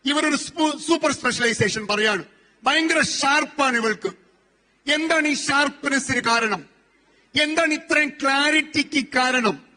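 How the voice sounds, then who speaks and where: A motivational speaker in his forties talks unhurriedly in a very high, pushed, bright voice. He tells stories and leans on rhetorical questions and repetition.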